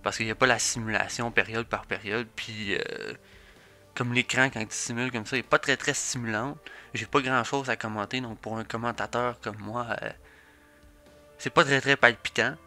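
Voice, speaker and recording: Brief: young Quebec guy narrating a sports game, easygoing and dry, bright clear tone. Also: mid-range voice, steady tone, moderate pace, soft background music. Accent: Quebec French. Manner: laid-back, chatty, dry. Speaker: gaming YouTuber. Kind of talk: casual game commentary.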